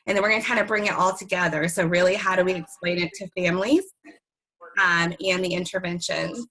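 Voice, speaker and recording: Still hoarse from a recent illness, a young woman gives an online conference presentation as a webinar, peppered with ums and friendly side comments. She speaks briskly in a fairly low, somewhat bright voice, and the recording quality is low.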